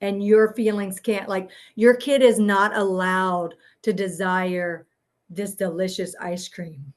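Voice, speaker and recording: A woman's voice: medium pitch, fairly even intonation, slow pace. A woman therapist and parent explaining in a loose, searching way, full of "um" and "right?" as she talks it through. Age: adult parent. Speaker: guest therapist. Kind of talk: casual explanatory chat.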